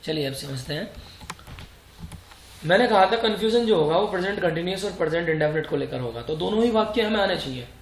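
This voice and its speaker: A man's voice: high-pitched, lively intonation, fast talker, reverberant. A man teaching English grammar for exam preparation, who poses rhetorical questions, answers them himself and repeats example sentences. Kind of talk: explanatory exam-prep lesson.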